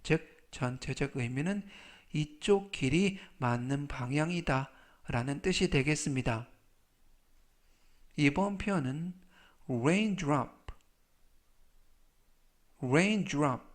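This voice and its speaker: A man's voice: fairly high pitch, expressive, unhurried. A man teaching a basic English vocabulary lesson, repeating each word and spelling some out letter by letter. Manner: spells words out and repeats pronunciations.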